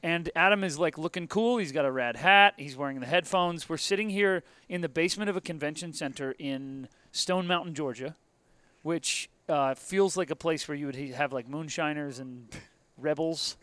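A man's voice: fairly high pitch, moderate pace, pushed and bright, clear, resonant tone, no room sound. An American man hosting a podcast interview in a casual, wry and rambling conversational style. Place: basement room of a convention center.

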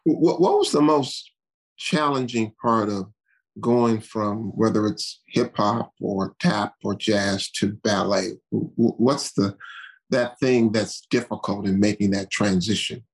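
A man's voice: on the low side, takes it slowly. A man hosting an interview, asking questions with stumbling restarts. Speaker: podcast host, founder.

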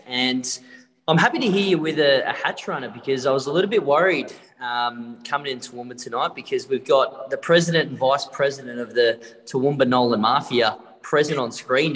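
A man's voice: mid-range voice, a bit bright, in a large hall, low-quality recording. A man with an Australian accent hosting a racing tips show in casual, matey, slangy banter.

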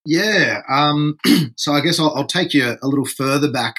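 This thirty-something French podcast guest works as a surf environmentalist and talks in a loose, rambling way, echoing his own words as he collects his thoughts. He has a slightly high, fairly bright voice and speaks at a normal speed.

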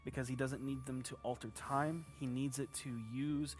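A man's voice: medium pitch, flat delivery, normal speed, soft background music. A man acting as game master, narrating scenes in a tabletop game with frequent filler words.

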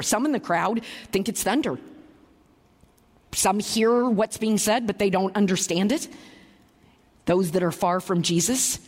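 A woman preaching a sermon, explaining scripture with emphatic, teaching delivery and a husky voice. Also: medium pitch, a little mellow, big-room sound.

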